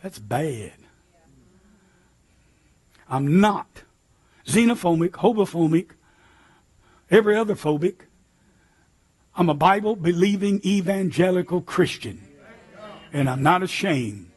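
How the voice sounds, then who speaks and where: Older male pastor, lively emphatic sermon delivery, husky and high-pitched. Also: slow, long pauses. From United States. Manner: animated, emphatic preaching with sudden shouts.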